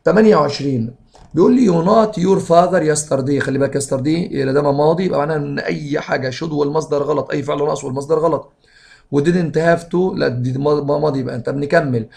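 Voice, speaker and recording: A man with an Egyptian Arabic accent, teaching English grammar and reading sentences slowly before explaining them quickly. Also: on the high side, fairly even intonation, vocal fry, darkish tone.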